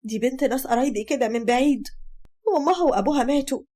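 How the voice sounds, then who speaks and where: A woman's voice: high-pitched, very fast, dark tone. A woman with an Egyptian accent voicing a nervous go-between who speaks hesitantly. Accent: Egyptian Arabic.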